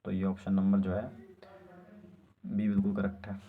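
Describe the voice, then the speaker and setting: Low-voiced male Hindi teacher. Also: completely flat delivery, slight background noise. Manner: casual, repeats words slowly for emphasis. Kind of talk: exam-prep Hindi spelling lesson. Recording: dull lo-fi recording.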